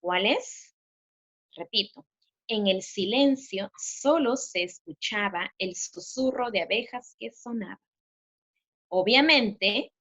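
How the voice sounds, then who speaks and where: A woman's voice: on the high side, fairly bright tone, muffled recording. A woman teacher giving a recorded literature lesson, explaining patiently and checking in with her students through rhetorical questions.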